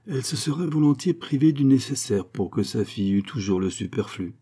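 A man narrating a classic novel as an audiobook, reading in a measured, even way. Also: mid-range voice, husky. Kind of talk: scripted literary narration.

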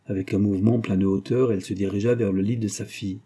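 A man narrates an audiobook from a script in a low, very dark, husky voice. His reading is steady and even, moving the story along unhurriedly.

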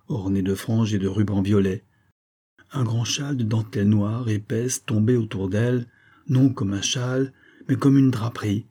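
A man reading a classic novel aloud as an audiobook narrator, in a steady, measured way. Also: fairly low pitch, husky. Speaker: audiobook reader.

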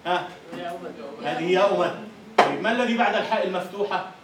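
A man's voice: high voice, fast, heavy background noise. A man with an Egyptian accent giving a university lecture on Arabic prosody, quizzing his students and repeating their answers. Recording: echoey lecture hall, far from the mic.

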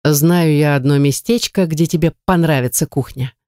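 A reader voicing a tender young husband, speaking softly and soothingly in a deeper voice for an audiobook. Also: male voice, normal speed, smooth, no room sound, clean studio sound, natural voice. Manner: soft and soothing.

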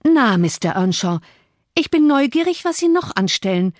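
Woman doing a scolding housekeeper, brisk, raised pitch, dry recording. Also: very animated, dry recording. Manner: scolding, then briskly helpful. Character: stout scolding middle-aged housekeeper woman.

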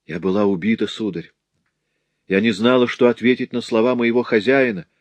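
A man's voice: lowish voice, fairly even intonation, normal speed, no echo, close to an everyday voice. A man reading a story aloud, voicing a wronged young working woman telling of her ordeal. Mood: anguished. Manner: pleading, anguished.

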